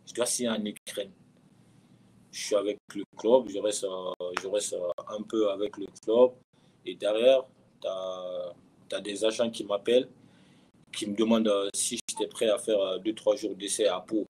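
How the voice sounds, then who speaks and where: A professional footballer in his thirties is interviewed, telling stories conversationally in a fairly low, darkish voice with fairly even intonation at normal speed. He talks casually, often repeating words and phrases for emphasis, with slight background noise.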